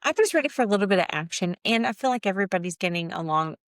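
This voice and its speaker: A woman's voice: mid-range voice, lively intonation, very fast, no room sound. A woman co-hosting a podcast, chatting casually and making blunt, emphatic points. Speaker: podcast co-host. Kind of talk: casual chat.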